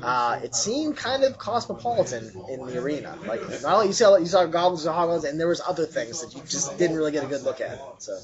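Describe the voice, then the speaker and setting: A man working as game master, improvising narration for a tabletop game in a casual, halting way as he searches for words. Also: a little high, very animated. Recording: dull lo-fi sound, chatter behind.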